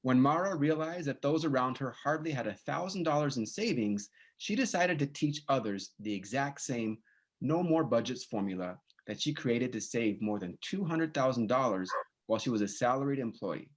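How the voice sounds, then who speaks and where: Guy cohosting a podcast, mid pitch, lots of ums and restarts, laid-back. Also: lively intonation, normal speed. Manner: rambling, many fillers and self-corrections. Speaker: podcast co-host. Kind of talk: casual podcast hosting.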